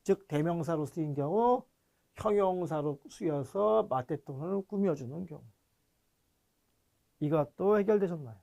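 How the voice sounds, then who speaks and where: A man's voice: a little high, animated, gravelly, warm tone. A man giving an online grammar lecture, explaining step by step and often checking that students understand. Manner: reads foreign words slowly and deliberately. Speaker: language teacher.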